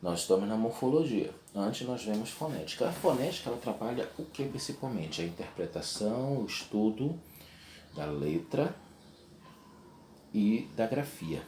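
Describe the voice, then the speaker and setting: A man's voice: medium pitch, expressive, moderate pace, vocal fry, dark tone, slight background noise. A young adult man teaching a video lesson, explaining step by step and checking in with his class.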